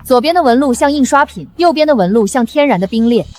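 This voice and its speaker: An actress playing a cool, composed young pregnant designer who answers in cutting, measured lines. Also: female voice, high-pitched, expressive, darkish tone, soft background music. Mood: confident. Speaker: chief designer.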